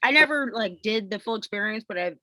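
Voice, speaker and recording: A woman who is a guest in a casual food-tasting chat, animated and laughing as she tells stories. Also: mid-range voice, fairly quick, dry recording. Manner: animated storyteller, laughs while telling.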